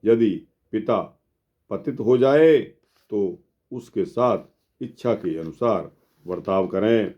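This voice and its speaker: Slow, measured man reading scripture. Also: on the low side, lively intonation, dark tone, muffled recording. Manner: measured, addresses listeners as friends. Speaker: scripture narrator.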